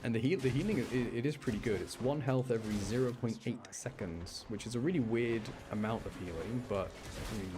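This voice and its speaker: A man with a medium-pitched voice talks fairly fast and barely pauses. He's a gamer and channel host narrating his play casually, grumbling a little and poking fun at himself as he explains his moves. There's noticeable background noise in the recording.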